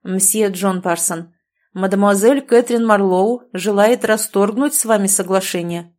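A woman's voice: mid-range voice, a little slow, darkish tone, close to an everyday voice. A woman reading a fussy male clerk. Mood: formal. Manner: hesitant, then self-important. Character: flustered, officious male clerk. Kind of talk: audiobook character reading.

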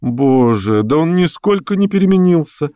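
A man reading an audiobook voices a lively, bold young woman calling out merrily from horseback. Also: fairly high pitch, moderate pace, clear, resonant tone, no echo, studio quality, voice pushed up. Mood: chattering.

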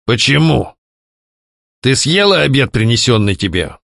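Man voicing a menacing masked conspirator, gravelly, cold and curt, dry close sound. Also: medium pitch, big pitch swings, a little slow, fairly bright tone, no echo, full character voice. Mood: grim. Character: masked male conspirator leader, grim, menacing.

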